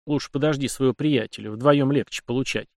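A man voicing a dry, gruff garrison commander in a storybook reading, teasing in a clipped way. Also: medium pitch, a little fast, dry recording, lightly acted.

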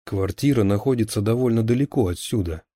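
A man's voice: lowish voice, a little fast, dark tone, breathy edge, no echo, studio quality. A man voicing a tense captured male security officer who gives clipped, defensive answers under interrogation. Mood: strained.

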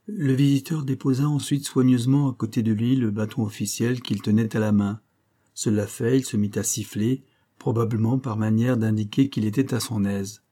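Casting : homme, lecteur de livre audio, timbre sombre et doux, débit mesuré. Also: male voice, mid-range voice, fairly even intonation, moderate pace, dark tone. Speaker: audiobook reader. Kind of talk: scripted narration of a classic novel.

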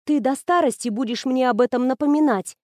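A woman's voice: sits high, fairly quick, dry recording, clean studio sound, close to an everyday voice. A woman reading the lines of a shy, smitten young woman student in an audiobook. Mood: flustered. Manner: bashful, flustered, excited.

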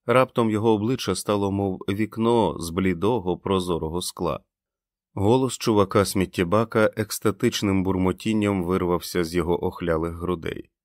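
A man narrating a novel as an audiobook in a measured, dramatic reading. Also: low voice, darkish tone, dry recording, studio quality.

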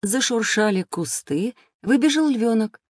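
A woman calmly narrating a children's audio drama. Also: a little high, measured pace, no echo, studio quality.

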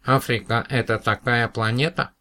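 Storybook alien: a tiny proud plant from space, a man doing the voice, formal like a little old man, pitched up. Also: flat delivery, moderate pace, pushed and bright, close to an everyday voice.

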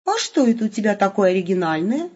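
A woman's voice: mid-range voice, sing-song, quick pace, darkish tone, slightly rough. A woman reading an audiobook and voicing a curious, haughty young princess. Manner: haughty, prim. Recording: muffled lo-fi recording.

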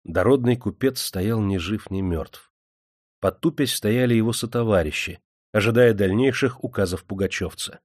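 A man narrating an audiobook in a measured, dramatic reading. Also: fairly low pitch, a little mellow, dry recording, studio quality.

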